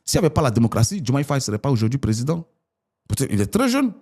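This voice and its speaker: A man in his forties from Ivory Coast, a politician arguing his points as a guest in an interview. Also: rapid-fire. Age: 40s. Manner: animated, rising pitch when arguing.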